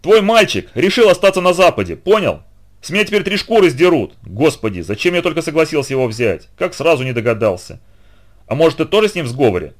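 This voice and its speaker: A man voicing a hysterical male horse trainer, shrill and shouting blame, in an audiobook. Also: big pitch swings, quick pace.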